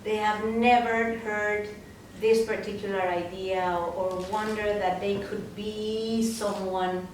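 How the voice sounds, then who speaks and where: A woman's voice: medium pitch, little pitch movement, takes it slowly. Woman interviewer in a very echoey space. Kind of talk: conversational interview. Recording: very echoey, distant mic, faint noise.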